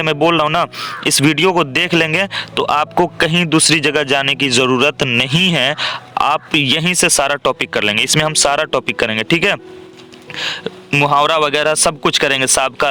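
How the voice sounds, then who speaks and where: A man's voice: fairly high pitch, pushed and bright. A young man teaching an exam-prep grammar lesson, explaining step by step and often checking in with "theek hai".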